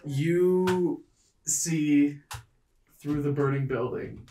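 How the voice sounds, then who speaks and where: A man narrating a tabletop game as game master, in a measured, descriptive storytelling manner. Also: fairly high pitch, warm tone, distant mic, a little hiss or hum. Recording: roomy, mic set back.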